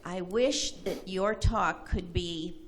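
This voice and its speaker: A woman's voice: fairly low pitch, takes it slowly, a little hiss or hum. A woman in the audience of a lecture hall, asking a question from the floor in an earnest, admiring way.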